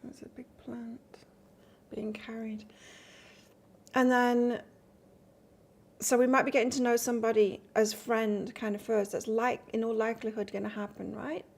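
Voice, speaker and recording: Gravelly-voiced woman with mixed English-Australian accent. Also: a little high, little pitch movement, moderate pace, darkish tone. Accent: mix of northern English and Australian. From north of England. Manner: chatty, rambling, chats with viewers between cards. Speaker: tarot reader. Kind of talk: live-stream tarot reading, casual chat.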